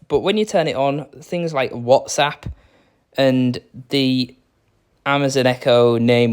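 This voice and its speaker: A man's voice: medium pitch, smooth. A young man casually demoing a phone's settings, rambling and unsure, with many fillers. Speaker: phone reviewer. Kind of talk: casual screen-recorded demo.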